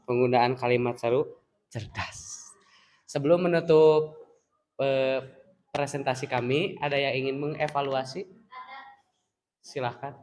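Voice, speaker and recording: A man's voice: mid-range voice, steady tone, normal speed, long pauses, a little mellow. A man student presenting to a class, polite and formal as he closes and takes feedback.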